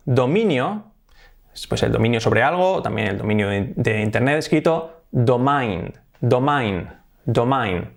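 A man from Spain with a Spanish accent, teaching English pronunciation in a casual lesson, repeating words slowly and chuckling now and then. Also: medium pitch, creaky. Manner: lively, repeats words with drawn-out emphasis, chuckles.

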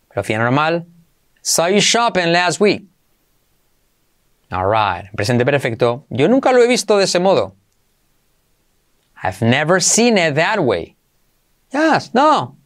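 A man teaching English to Spanish speakers, saying phrases slowly and repeating them while he explains pronunciation. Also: a little high. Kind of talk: bilingual language lesson.

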